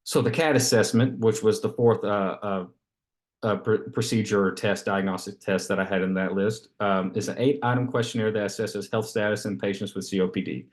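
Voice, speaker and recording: A man's voice: on the low side, fairly even intonation, brisk. A man giving an unscripted lecture. He explains with everyday examples and often restarts his sentences. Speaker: respiratory care lecturer.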